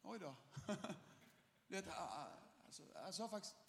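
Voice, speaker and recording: A young man preaching a lively sermon in a church hall, animated and laughing often, with bursts of shouting. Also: high voice, vocal fry. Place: church hall with long reverb.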